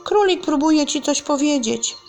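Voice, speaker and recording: A good-natured, slow-thinking bear from a children's story, voiced by a woman. He speaks kindly in a lifted voice, unhurried, with some gravel. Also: high-pitched, expressive, a little mellow, faint music behind, pitched above the performer's own voice.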